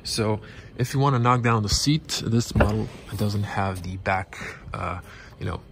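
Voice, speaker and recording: A young man whose first language is Croatian, giving a casual walkaround car review in a showroom, talking haltingly with many fillers into a handheld camera. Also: fairly low pitch, vocal fry, noisy background. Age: young adult. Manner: halting, many fillers, non-native phrasing. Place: car dealership showroom, inside a car. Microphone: handheld camera close to face.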